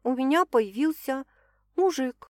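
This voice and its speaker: A woman voicing a cheerful young woman who hosts a night out with friends, brisk and a bit evasive, in a lively, dry recording. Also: sits high, dry recording, pitched above the performer's own voice. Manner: brisk, upbeat, a little evasive.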